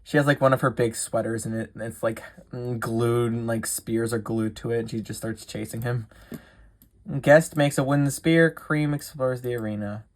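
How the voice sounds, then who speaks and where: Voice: mid-range voice, fairly even intonation, moderate pace. Giggly, stumbling casual commentator. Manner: chatty, giggly asides, stumbles over words. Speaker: video creator. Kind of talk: casual reading of a game simulator with commentary.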